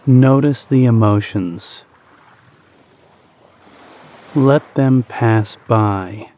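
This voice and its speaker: Speaking in short phrases separated by pauses, a man leads a guided meditation in a soothing, unhurried manner. His voice is medium-pitched and mellow.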